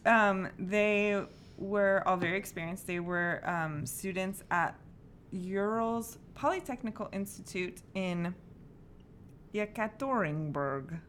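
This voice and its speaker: Slowly and with a mid-range voice, a woman spins a mystery tale while co-hosting a laid-back podcast, laughing and giggling throughout in a lively storytelling style. There is slight background noise.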